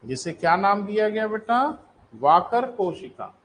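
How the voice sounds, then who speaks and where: High-voiced teacher dictating notes. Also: male voice, very animated, unhurried, a little hiss or hum, rough recording. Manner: addresses students as "beta", dictates notes, asks check questions. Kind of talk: live online classroom lecture.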